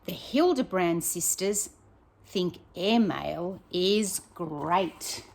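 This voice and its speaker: A primary school teacher reads a picture book to her pupils slowly, her voice on the low side with some vocal fry. She is expressive and encouraging, breaking off for chatty asides and asking the young children questions directly.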